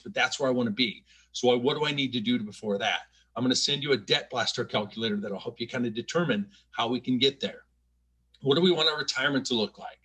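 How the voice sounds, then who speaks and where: A husky middle-aged man leads a financial planning webinar in a relaxed, conversational way. He speaks at an ordinary middle pitch and often restarts, repeating small words before carrying on.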